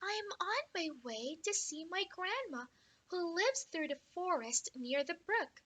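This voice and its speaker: A woman doing a sweet, high little girl. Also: expressive, measured pace, fairly bright tone, exaggerated voice.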